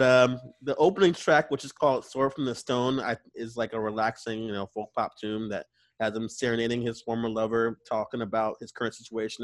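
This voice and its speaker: A man with a mid-range voice hosts a casual album review show, chatting about music in a profane, chatty way and laughing between remarks. There is no echo on the recording.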